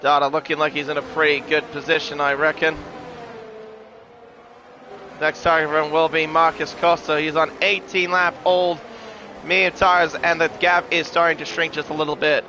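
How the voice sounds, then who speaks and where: A high-pitched man works as a motorsport commentator, calling a race live. His delivery gets excitable on the action and turns chatty between moves. Clear engine noise sits behind his voice. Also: normal speed. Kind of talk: live sim racing play-by-play commentary.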